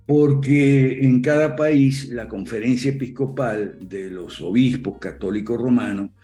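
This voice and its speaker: A man's voice: medium pitch, mellow. An older man from Argentina with an Argentine Spanish accent, giving a conversational virtual lecture, dotting his talk with "eh" and "¿ok?" and little chuckles. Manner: frequent "eh" and "¿ok?" tags, chuckles while talking.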